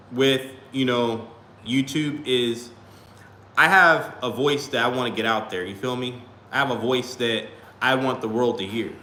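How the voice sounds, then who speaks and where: His medium-pitched voice sounds pushed and bright as this small YouTuber rambles to his chat during a livestream. Phrases like "you know what I'm saying" and "you feel me" come up again and again, over a roomy echo and a faint hum.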